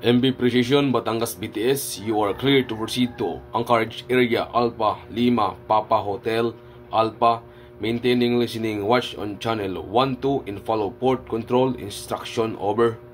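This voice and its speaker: A man's voice: fairly low pitch, fairly even intonation, normal speed, faint music behind, natural voice. A man playing a port control operator, giving formal, procedural marine radio replies in a school exercise. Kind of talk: scripted marine radio exchange.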